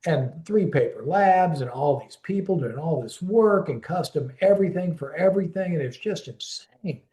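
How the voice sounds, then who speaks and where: A man's voice: fairly high pitch, animated, normal speed, dark tone, echoey room. A man in his fifties telling a long story in a casual oral-history interview, rambling with restarts and acting out quoted dialogue. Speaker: interviewee recalling a friend.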